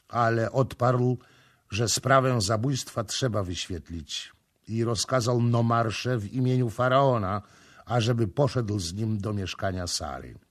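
A man narrating an audiobook in a measured, dramatic reading. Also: lowish voice.

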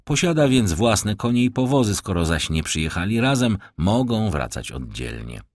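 A man reads a classic novel aloud in a very low, husky voice, letting his pitch rise and fall widely for drama. The recording is close and dry, with no room sound. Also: normal speed, no room sound. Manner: expressive storytelling with wide swings in pitch. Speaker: audiobook narrator. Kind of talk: scripted narration of a classic novel.

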